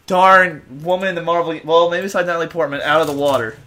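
A man co-hosting a casual podcast, talking in an animated, argumentative way. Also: a little high, fast. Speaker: podcast co-host. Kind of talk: casual chat.

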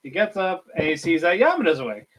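A man's voice: fairly high pitch, very animated, quick pace, a bit bright. A man co-hosting a podcast, recapping an anime in casual chat, loose and full of fillers and swearing. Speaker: podcast co-host.

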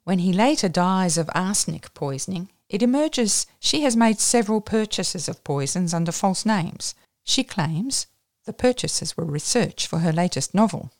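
Low-voiced Australian woman reading aloud. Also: animated, normal speed, no room sound, studio quality. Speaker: reader. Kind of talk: reading a novel aloud with chatty summaries.

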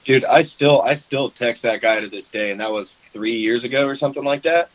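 A man's voice: medium pitch, fairly quick, poor audio. A man chatting casually about duck hunting, telling stories and acting out the quotes. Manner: animated storyteller, acts out quotes.

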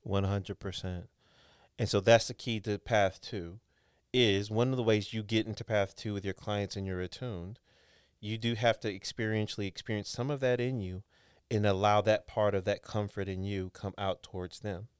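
A man with a lowish, smooth and resonant voice talks through his therapy work in an earnest, reflective way, often restarting a thought as he builds it. The sound is close and dry, with no room behind it. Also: steady tone, moderate pace, no echo. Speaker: podcast co-host, couples therapist. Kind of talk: casual professional discussion.

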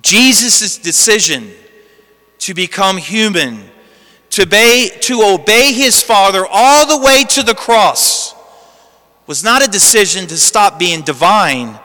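A man, a priest, delivering a homily in a measured, emphatic way with deliberate pauses, in cathedral-like echo. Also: sits high, expressive, bright, forceful tone. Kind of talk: homily and Gospel reading. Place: large reverberant church. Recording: long echoing cathedral-like reverb.

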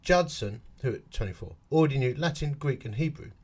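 A man with an Essex accent reads a history article aloud in a brisk, animated, mid-range voice with a darkish tone. He keeps breaking off for chatty asides and works out dates and figures out loud as he goes.

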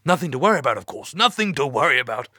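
A flustered space-agency chief, as a male storyteller puts him on, his voice pushed up high and strained under forced cheer. He babbles and repeats himself. The tone is husky and the sound dry and close. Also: very animated, normal speed, fairly bright tone, no echo, full character voice. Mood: nervous. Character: nervous jittery British male space-program chief.

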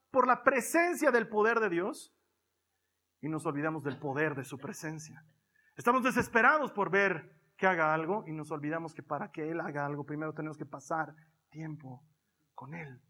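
A man preaching a lively sermon, acting out his own prayers and conversations as he speaks. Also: fairly high pitch, moderate pace, breathy edge. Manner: animated, acts out his own prayers and dialogue. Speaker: pastor.

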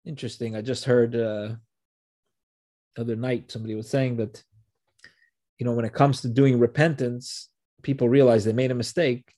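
A man teaching a Torah passage, reading the verses slowly and then translating and explaining them, often asking rhetorical questions. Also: medium pitch, steady tone, dark tone.

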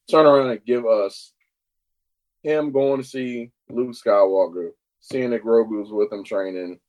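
A man co-hosting a casual podcast chat, talking excitedly and swearing now and then. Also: fairly low pitch, low-quality recording. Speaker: podcast co-host.

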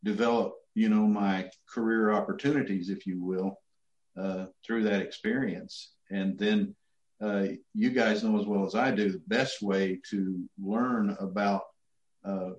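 A middle-aged man gives casual interview answers in a low-leaning voice. He is folksy and halting, pausing often. The sound is muffled, with a strong room echo. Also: steady tone, darkish tone. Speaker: interview guest, city manager.

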